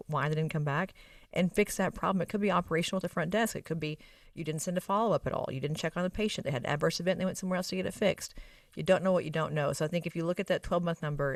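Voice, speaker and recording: A woman's voice: low-pitched, no echo, recorded from a distance. A woman with an Arkansas Southern accent explains things emphatically in a conversational expert interview, often checking in with short tag questions. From Arkansas, United States. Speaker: guest expert on medical spa practice operations.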